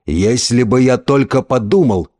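A man voicing a big, loud, desperate older man who speaks hoarsely, half sobbing. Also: medium pitch, lively intonation, measured pace, lightly acted.

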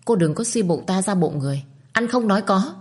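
Woman reads icy, defiant young wife; fast, cutting replies. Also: medium pitch, lively intonation, a little mellow, slightly rough, pitched above the performer's own voice. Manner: cutting, rapid retorts.

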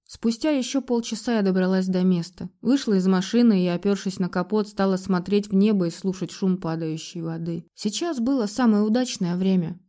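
A woman reading a first-person audiobook story aloud. Her voice is warm and mellow, and her storytelling is steady but emotionally engaged. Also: medium pitch. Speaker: narrator.

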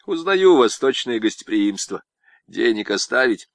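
A man reading an audiobook, voicing a self-assured, stocky male pilot with a wry, measured manner. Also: medium pitch, big pitch swings, creaky, no room sound. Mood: ironic.

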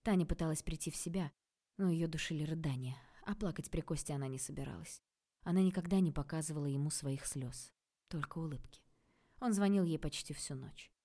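A woman reading a novel aloud as narrator in a calm, measured way. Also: low voice. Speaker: audiobook narrator. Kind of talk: scripted narration.

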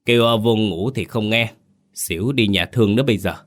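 A man voicing an older wife who briskly scolds her husband in a spoken ghost story. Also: lowish voice, natural voice. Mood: scolding.

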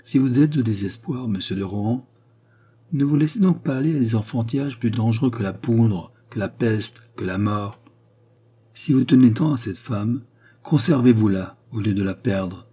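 Shrewd scheming countess, read by a man; clipped, brutal, peremptory; husky dark tone for an audiobook. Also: mid-range voice, normal speed, lightly acted. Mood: commanding. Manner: sharp, peremptory, brutally blunt.

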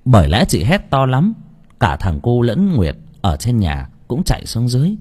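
Husky, dramatic male storyteller. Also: normal speed. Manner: dramatic, highly expressive delivery. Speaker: audiobook narrator. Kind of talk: scripted storytelling narration.

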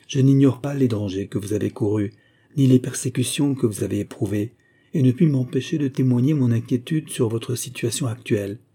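A man playing a hushed, agitated young man. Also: mid-range voice, husky, natural voice. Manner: hesitant, hushed. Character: agitated young man bearing grim news.

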